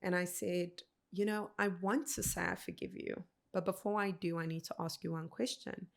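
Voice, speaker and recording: Low, gravelly woman telling her story. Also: steady tone. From South Africa. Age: 30s. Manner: earnest, measured storytelling with quoted dialogue. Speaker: guest. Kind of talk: personal storytelling in a podcast interview.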